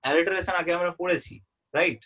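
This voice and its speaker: A young man tutoring a student for an exam in a relaxed way. He often checks that the student is following and repeats the key terms. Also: high-pitched, fast talker, slight background noise. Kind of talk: informal exam-prep lesson. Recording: muffled lo-fi audio.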